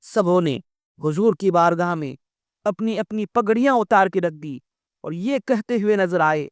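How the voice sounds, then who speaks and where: A man's voice: high-pitched, expressive, no echo, studio quality. A man giving a devotional storytelling speech, acting out the dialogue and reciting poetic couplets. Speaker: religious speaker.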